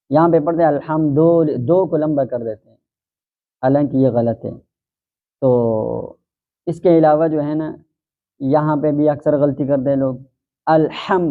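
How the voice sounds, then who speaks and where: A male Quran teacher explains common mistakes in prayer with calm, patient speech at a medium pitch. He often breaks off to recite phrases slowly and at length. The sound is thin and tinny, like a phone recording. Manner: explains calmly, then recites Arabic slowly and drawn out. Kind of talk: religious lesson on prayer recitation.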